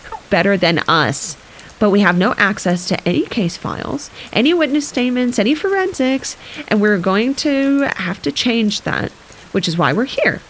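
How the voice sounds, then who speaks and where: A woman reading the part of a brisk, scheming older woman sleuth in a novel reading. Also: medium pitch, big pitch swings, a little hiss or hum, close to an everyday voice, rough recording. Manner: brisk and commanding, fakes weeping.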